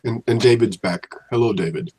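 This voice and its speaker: A man's voice: mid-range voice, a little fast, dark tone, slightly rough. A man chatting casually as a livestream co-host relaying comments from viewers. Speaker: livestream co-host reading chat. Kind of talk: casual chat.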